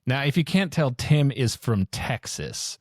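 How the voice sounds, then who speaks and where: A man's voice: mid-range voice, animated, a little slow, dry recording. Chatty male podcast host, dry mic. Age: young adult. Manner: warm, chatty, many fillers and restarts. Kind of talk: casual interview chat.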